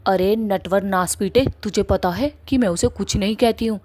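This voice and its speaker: Woman voicing a feisty, sharp-tongued young woman. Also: medium pitch, moderate pace, natural voice. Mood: angry. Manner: blunt, scolding, threatening.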